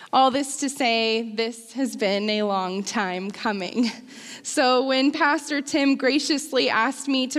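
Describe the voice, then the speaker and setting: A young woman preaching a sermon in church, earnest and warm, with touches of light humor. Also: fairly high pitch. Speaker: interim women's ministries director, preacher. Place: church sanctuary. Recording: long hall reverb.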